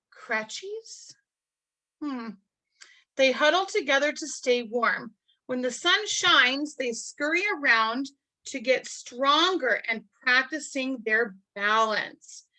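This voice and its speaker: Slow, bright-voiced woman reading aloud. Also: high-pitched, poor audio. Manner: adds chatty explanatory asides between passages; marvels aloud in a gentle, teacherly way. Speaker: reader of a children's picture book. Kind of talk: reading a picture book aloud to children.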